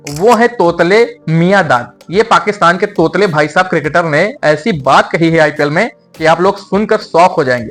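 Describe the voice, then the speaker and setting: Excitable male reaction-video host, faint music. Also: high voice. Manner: excited, mocking. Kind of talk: casual chat.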